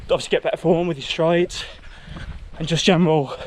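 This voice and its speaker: A man's voice: a little high, fairly even intonation, fairly quick, slight background noise. A man talking casually to camera while out running a trail, audibly out of breath. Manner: chatty, talking mid-run. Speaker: running vlogger. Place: outdoors on a trail.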